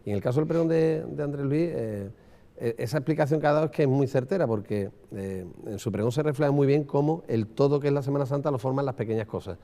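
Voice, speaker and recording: A man moderating a panel in a discursive, hesitant way, circling slowly toward his questions. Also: medium pitch, warm tone. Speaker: round-table moderator. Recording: long hall reverb.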